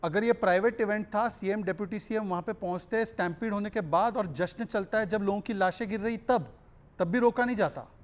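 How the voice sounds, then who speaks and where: A man's voice: high voice, a little fast. A man on a TV news debate panel, arguing insistently and repeatedly pleading not to be interrupted. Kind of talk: heated TV debate. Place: TV studio.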